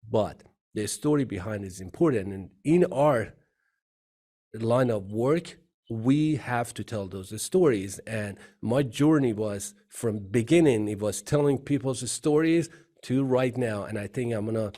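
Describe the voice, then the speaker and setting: A middle-aged Iranian CEO, speaking with an Iranian accent, earnestly tells his story as an interview guest and repeats phrases. His voice is medium-pitched and warm, with a measured pace.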